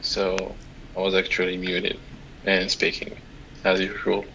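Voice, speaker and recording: A man's voice: sits low, completely flat delivery, unhurried, sharp tone, lo-fi sound, a little hiss or hum. A man chatting casually as a participant on a livestream. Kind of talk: casual chat.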